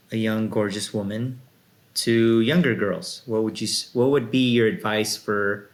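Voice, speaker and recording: A man in his late thirties hosting a casual podcast, telling stories in a laid-back way with fillers. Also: fairly low pitch. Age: 30s. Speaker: podcast host. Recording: roomy echo.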